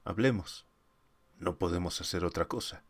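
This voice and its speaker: A man's voice: low-pitched, normal speed. A man voicing a defiant male crewman who talks in a taunting, scornful, insolent manner.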